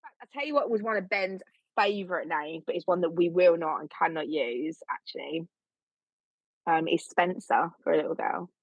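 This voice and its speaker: A woman's voice: lowish voice, expressive, moderate pace, no room sound. A woman co-hosting a podcast, chatting casually with a candid, jokey and blunt manner. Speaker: podcast co-host. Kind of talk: casual chat. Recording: slightly dull, dry recording.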